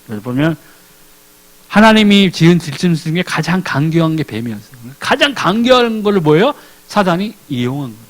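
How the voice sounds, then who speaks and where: Brief: male preacher, high voice with lively swings, animated sermon, asks and answers his own questions. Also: brisk, poor audio. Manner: animated, acts out biblical characters in casual speech; asks the congregation questions and answers them himself. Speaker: ordained deacon preaching.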